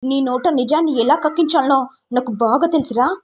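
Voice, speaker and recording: A harsh male police inspector who mocks a proud family and bullies the son, read by a woman. The voice stays high and sneering. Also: fairly quick, close to an everyday voice. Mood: bullying. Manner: mocking, bullying.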